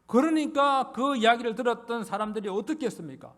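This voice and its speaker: A man preaching a Sunday sermon as a pastor, earnest, building emphasis and then dropping low at the ends of phrases. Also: a little fast, fairly bright tone. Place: church sanctuary.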